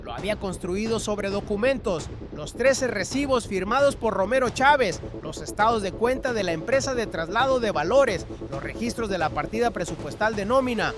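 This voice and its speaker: A man's voice: sits high, expressive, normal speed, hardly any pauses, over music. A man reading a scripted news narration with a dramatic, emphatic delivery.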